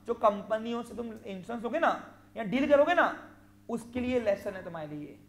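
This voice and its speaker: A commerce teacher lecturing a class, asking questions and answering them, and slowly dictating definitions. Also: mid-range voice, roomy sound, slight background noise. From Maharashtra, India. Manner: quizzes students, answers own questions.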